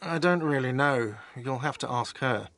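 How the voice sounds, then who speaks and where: A man's voice: mid-range voice, moderate pace, fairly bright tone, no echo, lightly acted. An actor voicing a whiny, irritable male cafeteria manager in a video game who talks defensively.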